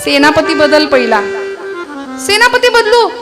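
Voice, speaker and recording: A woman's voice: sits high, sing-song, unhurried, over music. A woman kirtan performer voicing a sly, scheming old uncle who needles his nephew, in a coaxing, needling tone.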